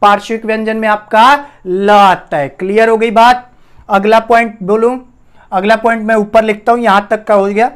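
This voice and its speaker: A man's voice: high-pitched, fairly even intonation, moderate pace, clear, resonant tone. A man teaching a Hindi grammar lesson, asking the class questions and repeating each key term. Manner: addresses students as "bhaiya". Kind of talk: classroom-style lesson on a whiteboard.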